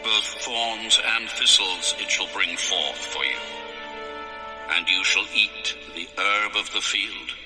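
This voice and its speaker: A man's voice: low-pitched, pushed and bright, heavily acted. A man playing God as a stern, commanding deity in a dramatized audio scripture, speaking solemnly and weightily. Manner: solemn, slow, weighty pronouncements.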